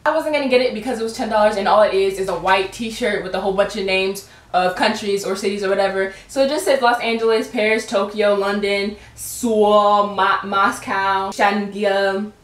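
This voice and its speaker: A woman's voice: mid-range voice, fairly even intonation, moderate pace, few pauses, echoey room. A young woman chatting casually through a clothing try-on haul, giggly and often stumbling over her words. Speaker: vlogger.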